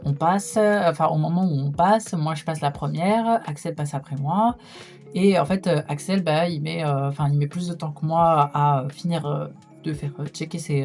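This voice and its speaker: Low-voiced woman telling a story. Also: darkish tone. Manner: chatty, lots of hesitation fillers, laughs while telling. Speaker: vlogger. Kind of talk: casual storytime vlog.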